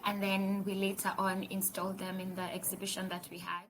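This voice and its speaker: A woman's voice: mid-range voice, monotone, brisk, a little hiss or hum, poor audio. A woman speaking in an interview, hesitating with fillers. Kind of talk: interview testimony.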